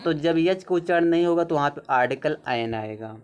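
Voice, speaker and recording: A man's voice: on the high side, expressive, fairly quick, clear, resonant tone. A man giving a grammar lesson, explaining patiently, repeating each point and checking in with short confirmations. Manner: patient, repetitive explaining with frequent "theek hai". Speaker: teacher. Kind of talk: grammar lesson over a zoomed screen.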